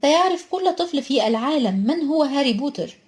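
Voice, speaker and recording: A woman's voice: high voice, animated, quick pace, a little mellow. A woman voicing an older female witch professor, stern but distressed, reading a storybook aloud. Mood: doubtful.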